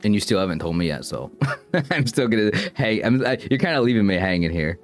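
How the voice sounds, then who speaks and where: This is a casual livestream chat in which a young man rambles self-consciously, often faltering and beginning sentences again. He speaks expressively and a little fast in a lowish voice, soft background music underneath.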